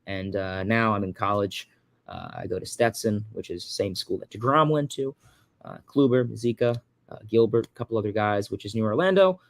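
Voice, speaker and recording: Answering viewer questions on a casual stream, this Long Island host in his early twenties talks briskly in a lowish voice. He rambles and repeats himself, using plenty of fillers, in a recording free of room sound.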